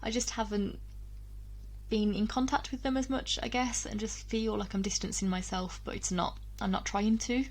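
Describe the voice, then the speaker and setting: This vlogger, a young woman from England, speaks to the camera in a mid-pitched, easygoing, personal way. Her chatty delivery is full of ums and backtracking, with laughter slipping in between ideas.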